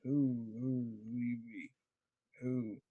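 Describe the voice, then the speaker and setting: A man's voice: medium pitch, level tone, slow, no echo, phone-quality sound, pitched below the performer's own voice. Man doing a befuddled, stammering town drunk. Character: confused rambling drunk homeless town man, Ricky.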